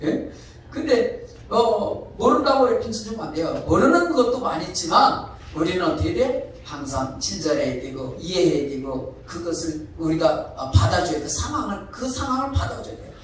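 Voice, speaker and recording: A man's voice: high-pitched, big pitch swings, moderate pace, a little hiss or hum. A male pastor preaching a sermon, emphatic and often asking the congregation questions. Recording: echoey hall from far off.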